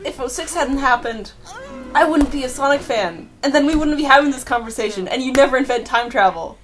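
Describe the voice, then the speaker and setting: Playful jokey commentary co-host. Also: male voice, very high-pitched, fairly quick, a bit bright. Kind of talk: casual commentary chat.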